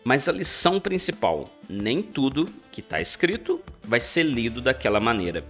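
Lively Brazilian man teaching English pronunciation. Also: mid-range voice. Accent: Brazilian Portuguese. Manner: lively, chatty, slows down to model English phrases. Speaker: English teacher, podcast host. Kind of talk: podcast pronunciation lesson. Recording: faint guitar music behind the voice.

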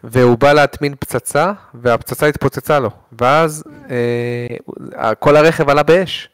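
A man co-hosting a casual gaming podcast, telling stories in an expressive, dramatic way. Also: mid-range voice, smooth, no echo. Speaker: podcast co-host.

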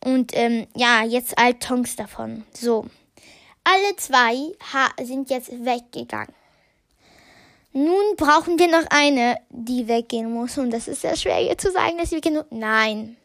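High-voiced woman musing slowly on a book. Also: a bit bright. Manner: thinking aloud with many fillers and restarts; reads short passages aloud, then comments on them. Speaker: podcast host. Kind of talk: casual podcast commentary on a book.

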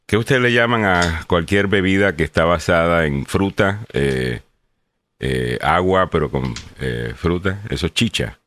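A man's voice: deep voice, expressive, unhurried, fairly bright tone, a little hiss or hum. A man with a Puerto Rican Spanish accent co-hosting a podcast, chatting casually and joking as he reads out listener comments, with lots of fillers. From Puerto Rico. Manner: joking, rambling with many fillers. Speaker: podcast co-host.

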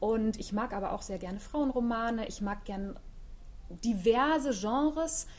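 A woman's voice: fairly high pitch, takes it slowly. A middle-aged woman author chatting reflectively in an interview, with frequent fillers. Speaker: author guest. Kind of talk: casual interview talk.

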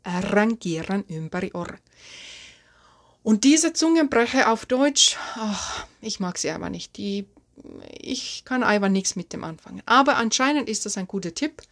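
A woman with a Finnish accent, hosting a solo podcast and giving voice tips in a lively, chatty, self-mocking way. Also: fairly high pitch, moderate pace, vocal fry. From Finland. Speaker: podcast host and speaking coach.

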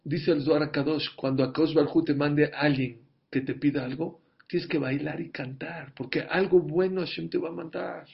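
A man preaches through a story, his voice a touch high and gravelly. He stretches key words slowly and swells in volume to drive points home. The recording sounds dull and lo-fi. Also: fairly even intonation. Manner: dramatic, slowing down and swelling louder for emphasis. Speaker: religious teacher. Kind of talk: storytelling sermon.

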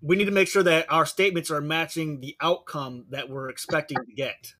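A man with a somewhat high voice speaks in a measured, thoughtful way during a podcast discussion. He lays out his reasoning carefully and calmly. He sounds composed and analytical. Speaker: podcast panelist. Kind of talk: casual discussion.

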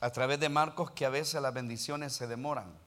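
A man preaching a sermon with passion, calling his listeners brother and rising into loud stretches. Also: mid-range voice, fairly even intonation, a little fast. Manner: impassioned preaching, addresses listeners as brother, rises to loud passages. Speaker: pastor.

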